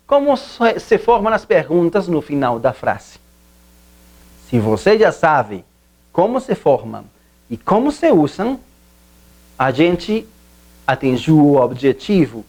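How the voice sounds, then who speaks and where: Lively language teacher. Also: mid-range voice. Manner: patient, repetitive explaining with rhetorical questions to viewers. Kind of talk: online grammar lesson.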